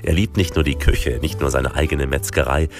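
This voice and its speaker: A man's voice: a bass voice, fairly even intonation, a little fast. A man hosting a radio travel program, giving a scripted narration with a playful, storytelling delivery. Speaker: radio host.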